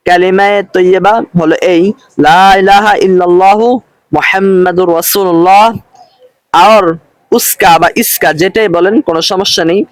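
A man teaching a recorded lesson, explaining slowly and patiently and repeating each phrase with its translation. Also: sits high, dry recording.

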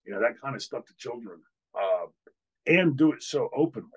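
Here the older host and ex-wrestler shares a candid interview story via webcam from a hotel room, stumbling through many fillers and restarts. He talks at a normal speed in an expressive, medium-pitched voice with a breathy edge, captured on a low-quality recording.

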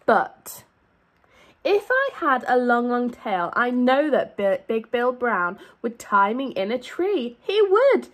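A young woman reads a children's story aloud in a high voice, her pitch swooping in big, lively arcs. Like a primary teacher, she stresses and stretches key words so little listeners can keep up, giving an expressive, drawn-out delivery.

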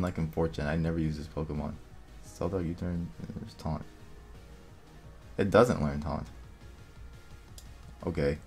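A young man casually commentating his own online game, thinking aloud and muttering quick asides to himself. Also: low-pitched, gravelly, a little mellow. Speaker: gaming video creator. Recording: faint music underneath.

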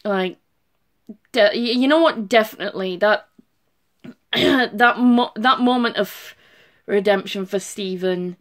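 A woman's voice: medium pitch, slow pace, long pauses, fairly bright tone. A young adult woman who has just been crying gives a casual, gushing video review into a phone held at arm's length in a small room at home. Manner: emotional gushing with restarts and trailing thoughts. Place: small bedroom at home, indoors.

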